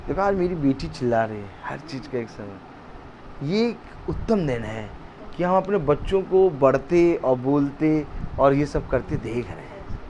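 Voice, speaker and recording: A man preaching a fiery sermon at a home gathering, shouting and repeating lines for emphasis. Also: mid-range voice, lively intonation, unhurried, lo-fi sound, a little hiss or hum.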